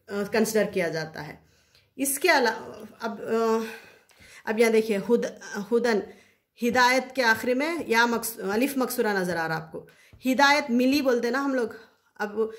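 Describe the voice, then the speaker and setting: Woman, somewhat high voice, casual lesson, repeats key words. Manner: repeats key terms, asks listeners to remember. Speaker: teacher of Quranic Arabic grammar.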